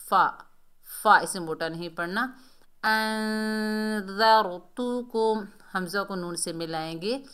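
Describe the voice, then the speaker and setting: A woman teaching Quran recitation, explaining the rules letter by letter in a slow step-by-step lesson and chanting the verses slowly. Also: fairly low pitch, bright, forceful tone.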